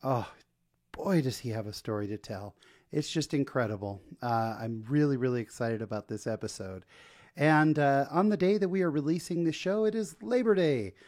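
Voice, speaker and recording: A man in his own podcast studio, hosting an interview with lively enthusiasm and a chatty flow. His voice sits at an ordinary middle pitch, and he leans on easy fillers as he talks. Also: moderate pace. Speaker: podcast host.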